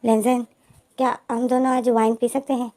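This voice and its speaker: A woman reading a tearful gentle young man. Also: a little high, little pitch movement, moderate pace, close to an everyday voice.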